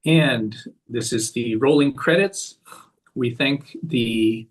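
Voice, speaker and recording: A man closing an online summit session, briskly listing resources and announcements. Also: mid-range voice, breathy edge, rough recording. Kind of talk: closing remarks over video call. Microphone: video call.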